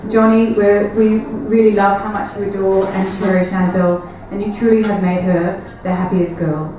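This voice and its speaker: A woman's voice: mid-range voice, flat delivery, moderate pace. Echoey woman giving a wedding toast. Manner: affectionate, sentimental. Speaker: sister of the bride giving a wedding speech. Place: large echoey venue at a wedding reception. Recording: echoey, noisy, distant event recording.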